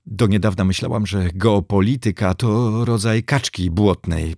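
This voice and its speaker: A man's voice: fairly low pitch, unhurried, a little mellow, dry recording, clean studio sound, lightly acted. A man voicing a nervous, irritable young woman working as a hotel maid, talking in a flustered, anxious way.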